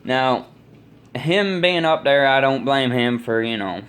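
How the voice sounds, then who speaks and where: He has a clear, resonant, mid-range voice, a bit bright, animated but a little slow. The speaker, an American man in his twenties, rambles folksy, opinionated stories to camera on a phone at arm's length in a small indoor room.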